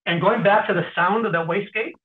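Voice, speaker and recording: A middle-aged man, an interview guest, tells stories in a casual way, often clearing his throat and pausing with fillers. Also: high voice. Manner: anecdotal, frequent throat clearing and hesitant fillers. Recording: tinny phone-like sound.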